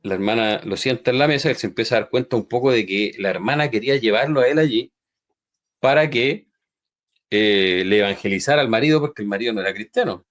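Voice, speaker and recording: A man hosting a faith podcast, retelling a story in an animated way and checking in with his listeners. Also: medium pitch, fast talker. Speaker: podcast host.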